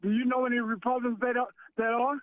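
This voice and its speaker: A man from Michigan calling in to a radio show, arguing in a combative, halting and insistent way. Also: extremely high pitch, level tone, dry recording. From Michigan, United States. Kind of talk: live argument as a call-in radio caller. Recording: narrow-band phone line over radio.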